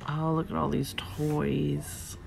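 Woman thrift vlogger, low gravelly voice, unhurried, soft marveling asides, phone mic in a cluttered shop with faint hum. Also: flat delivery. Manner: softly marveling, drops to whispers. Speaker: vlogger and reseller. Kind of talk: casual shop-along narration. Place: cluttered indoor antique store.

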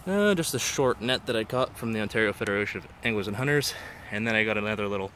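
Man, plain-spoken and enthusiastic, deeper voice, handheld phone recording on a lawn. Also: expressive, quick pace, fairly bright tone, slight background noise. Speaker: angler showing his canoe. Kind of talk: casual walkthrough. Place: outdoors on a lawn. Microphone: handheld phone camera.

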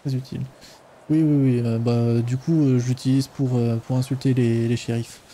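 A male streamer in relaxed, chatty casual commentary over his game. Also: mid-range voice, moderate pace, a little hiss or hum. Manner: relaxed, chatty, laughs often.

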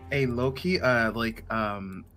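A man's voice: mid-range voice, fairly bright tone. A man joking around with friends during a game session, laughing often and using playful slang. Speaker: streamer friend. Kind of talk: casual gaming chat.

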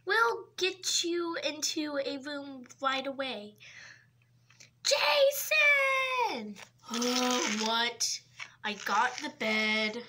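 A woman's voice: sits high, fairly even intonation, slow pace, bright, forceful tone. A woman performing every character in a homemade toy-pet hospital short, switching from whispers to squeals. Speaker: toy video maker voicing all characters. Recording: faint background hiss.

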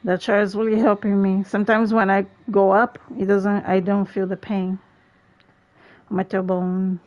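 A woman's voice: medium pitch, little pitch movement, normal speed, a little mellow, muffled recording. A young woman livestreaming a game from home, chatting casually and playfully with teammates and laughing often. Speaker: gaming livestreamer. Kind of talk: casual live gameplay chat. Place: home, in a gaming chair.

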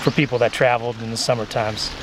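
A man's voice: mid-range voice, steady tone, quick pace, background noise. A man in his forties chatting casually to a camera held at arm's length outdoors. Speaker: travel vlogger. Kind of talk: casual vlog chat to camera. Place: outdoors in a campground.

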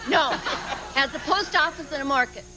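A woman's voice: sits high, normal speed. A middle-aged woman, a game show contestant, giving short answers to the host. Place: large TV studio audience area. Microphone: stand microphone at contestant podium. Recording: noisy studio, loud audience crowd.

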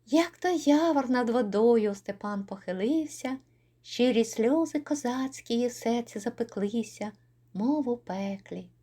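A woman narrating a poem for an audiobook in a measured, expressive way. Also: on the high side, breathy edge. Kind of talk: audiobook poetry reading.

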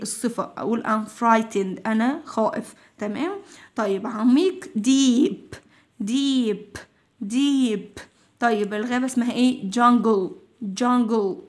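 A woman with an Egyptian Arabic accent teaching English vocabulary to children, repeating each word patiently several times. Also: on the high side.

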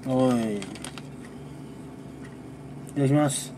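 A man who makes gaming videos, chatting casually through a monthly recap, relaxed and rambling with frequent chuckles between sips of a drink. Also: mid-range voice, slow, noisy background. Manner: talks while sipping a drink.

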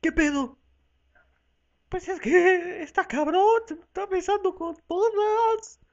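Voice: very high-pitched, slow, muffled recording. A speaker with a Mexican accent doing a rowdy, profane comic parody dub of a talk show, voicing every part and switching between voices. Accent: Mexican Spanish.

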